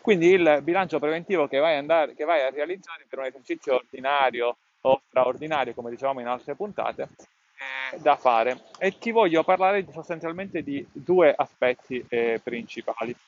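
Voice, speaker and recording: A man's voice: fairly high pitch, moderate pace. A man hosting an explanatory podcast outdoors, speaking slightly muffled through a face mask, in a didactic way that repeats key points. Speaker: podcast host. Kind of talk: explanatory tutorial to camera. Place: outdoors at a scenic spot. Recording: dull, muffled lo-fi sound.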